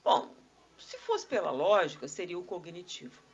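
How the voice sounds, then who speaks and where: At a spiritist society meeting hall, a woman with a Brazilian Portuguese accent gives a live lecture packed with rhetorical questions and casual asides. Her lowish voice is very animated and a little breathy, at normal speed, and the recording sounds muffled.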